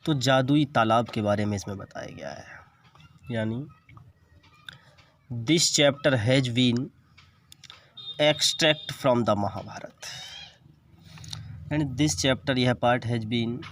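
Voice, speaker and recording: A slight hiss or hum runs under this man's medium-pitched voice. He teaches a bilingual English lesson, reading the text in an Indian accent and explaining each word with patience.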